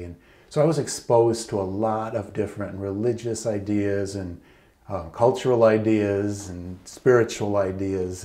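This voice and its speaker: A man of about sixty from Michigan chats openly in a seated home interview, his voice sitting fairly low. The talk is relaxed, with easy fillers. The room gives it a noticeably echoey sound. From Michigan, United States. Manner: chatty, open, with casual fillers. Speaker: interview guest, channeler. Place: living room at home, indoors. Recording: roomy indoor echo.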